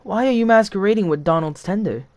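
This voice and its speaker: A man's voice: a little high, animated, a little slow, a little mellow, no echo. A man voicing a stern, formal railway boss in a storybook reading.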